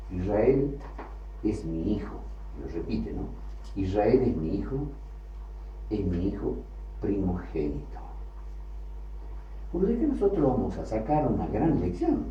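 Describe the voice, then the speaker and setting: A man teaching a sermon on the Bible, building his points through repeated phrases and rising emphasis. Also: lowish voice. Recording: distant, roomy, dull lo-fi with faint hiss.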